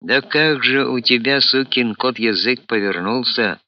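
A man voicing a gruff, hot-tempered colonel. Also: medium pitch, a little slow, lo-fi sound, voice pushed up, lightly acted. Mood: indignant. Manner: blunt, rough-spoken, bursts out indignantly. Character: gruff one-armed police colonel, blunt and hot-tempered.

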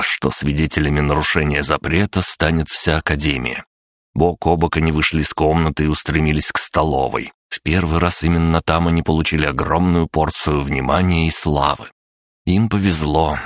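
A man narrating an audiobook in a steady, even storytelling manner. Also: rumbling low, no room sound, clean studio sound. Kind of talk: scripted narration.

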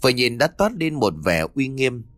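A man narrating a horror audiobook in an expressive, dramatic storytelling manner. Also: medium pitch, moderate pace, no room sound. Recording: dry close studio read, faint music.

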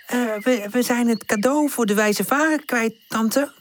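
A woman's voice: lively intonation, unhurried, a bit bright, a little hiss or hum. A woman voicing a sweet little girl puppy in a children's storybook. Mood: earnest. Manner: high childlike voice. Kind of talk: storybook character voice.

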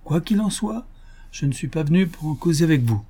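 A man's voice: on the high side, expressive, a little fast, dark tone, slightly rough, voice pushed up. Lady Arabella, a sugary haughty aristocrat, read by a man. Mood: pleading, wheedling. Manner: sugary, insistent, lofty. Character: haughty scheming aristocratic lady, middle-aged mother.

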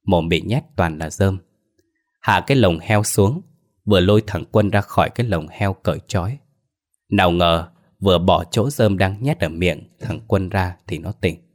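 A man narrating a folk horror story in a low, deep voice. His telling is plain and earthy, steady through the scenes. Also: normal speed.

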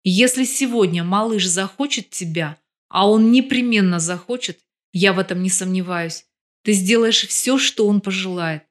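A woman's voice: medium pitch, normal speed, lightly acted. A woman voicing a menacing middle-aged male crime boss who hisses cold threats in an audiobook.

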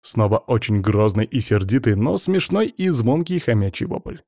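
A man reading a science-fiction audiobook in a lively, expressive way. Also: medium pitch, moderate pace, gravelly, no room sound, clean studio sound. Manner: lively, voices many characters. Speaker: audiobook narrator.

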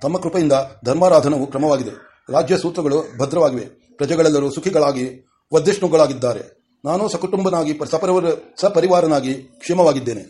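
Dignified humble king, formal and even, read by a man, kinda high, mellow tone. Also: moderate pace, natural voice. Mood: courteous. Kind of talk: audiobook reading of a novel.

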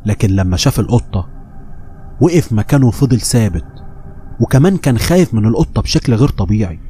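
Mellow Egyptian man narrating horror. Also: fairly low pitch, fast talker, soft background music. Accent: Egyptian Arabic. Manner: steady storytelling, voicing quoted people. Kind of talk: scripted horror story narration.

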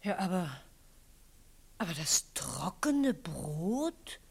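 A woman's voice: very animated, takes it slowly, heavy background noise, heavily acted. An actress in a 1940s radio drama playing a frightened, fretful respectable woman. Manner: shrill, fretful.

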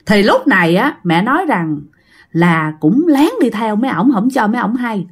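Speaking to her listeners in a chatty, casual way, a woman with a Southern Vietnamese accent tells a ghost story. Her voice is medium in pitch and expressive, slightly rough, at a normal speed.

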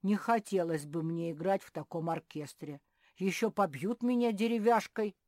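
A woman's voice: lowish voice, normal speed, warm tone, no room sound, studio quality, natural voice. A woman voicing a cheeky, boastful little boy bear cub, whining and easily muddled, in a storybook reading. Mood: indignant.

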